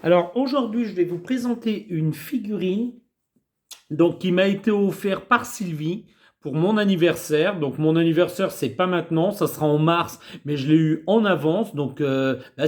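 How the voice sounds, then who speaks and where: A man's voice: sits high, moderate pace, darkish tone. A man chatting casually as he unboxes a collectible figure, rambling with many fillers. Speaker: toy collector vlogger.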